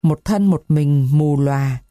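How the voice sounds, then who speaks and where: A woman voicing a dying blind old woman who speaks in a faint, trembling, rasping way. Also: deep voice, measured pace, dark tone, no echo, studio quality. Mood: weary.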